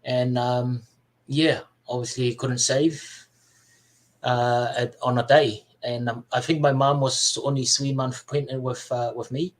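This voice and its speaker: A soft-spoken man from Samoa, a podcast guest, tells his personal story. His voice sits at a middle pitch, and he talks in a halting way, restarting his sentences often. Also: low-quality recording. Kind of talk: personal life story in casual chat.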